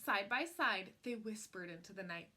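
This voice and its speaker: A woman with a medium-pitched voice reads a picture book aloud, telling the story expressively. She phrases her lines in a measured way and leans on key words.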